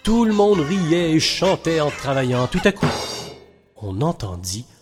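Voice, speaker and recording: A man with a Quebec French accent reading radio ads and narrating a story in a lively, upbeat delivery. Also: fairly high pitch, measured pace. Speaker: announcer and storyteller. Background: loud music.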